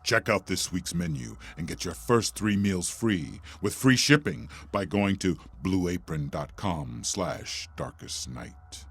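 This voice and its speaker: A man's voice: low-pitched, expressive, takes it slowly, gravelly, hardly any pauses, a bit bright, husky. A man reading a scripted podcast sponsor message. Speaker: podcast ad reader.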